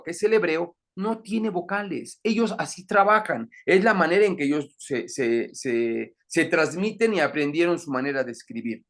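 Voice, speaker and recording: A man teaching an introductory Bible class, explaining patiently and often checking that the listener is following. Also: sits high. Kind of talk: catechism lesson.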